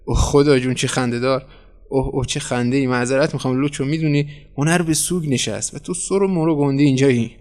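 A man's voice: fairly high pitch, a little mellow, long reverb tail, pitched above the performer's own voice, close to an everyday voice. Casting: emotional painter's wife, read by a male narrator, storybook voice. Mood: laughing. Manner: wailing then giggling. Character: frantic young-ish woman, painter's wife.

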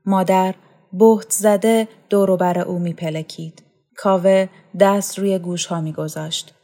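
Calm woman narrating a story. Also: mid-range voice. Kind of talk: storytelling reading. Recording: faint music underneath.

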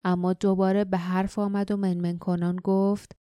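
A woman reading a fantasy audiobook in steady, measured narration. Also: mid-range voice, clean tone, no room sound, clean studio sound.

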